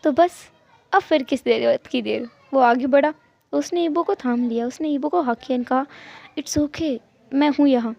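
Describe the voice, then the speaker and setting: A woman's voice: high voice, moderate pace, creaky, darkish tone. A woman narrating a fan-fiction story in a casual, chatty way, with asides to her listeners. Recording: muffled lo-fi recording.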